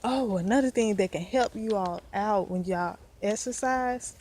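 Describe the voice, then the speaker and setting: A woman's voice: medium pitch, a little slow, a little mellow, a little hiss or hum. A woman with a Southern US accent, vlogging outdoors in casual, earnest talk, a bit out of breath and encouraging. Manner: earnest, encouraging, rambling with fillers.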